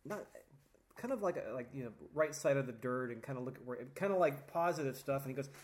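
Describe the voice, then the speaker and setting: A man's voice: medium pitch, animated, fast talker, slight background noise. A man hosting a podcast, chatting easily with his guest and chuckling often. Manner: easygoing, chuckling interviewer. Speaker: podcast host. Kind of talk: casual interview chat.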